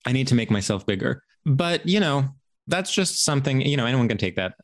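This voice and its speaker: Male podcast host, medium pitch, halting mock-earnest delivery, casual comedy banter. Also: lively intonation.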